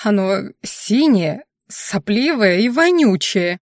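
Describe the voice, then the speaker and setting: A woman voicing a bossy, squeamish old grandmother who scolds loudly and slowly. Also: on the high side, animated, no echo, clean studio sound, pitched above the performer's own voice. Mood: scolding. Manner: loud, scolding.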